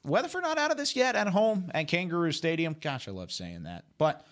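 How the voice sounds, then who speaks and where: A man's voice: on the high side, sing-song, a little fast, fairly bright tone. Upbeat man hosting a scoreboard show. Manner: upbeat, moving through game results. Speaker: studio host. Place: TV studio.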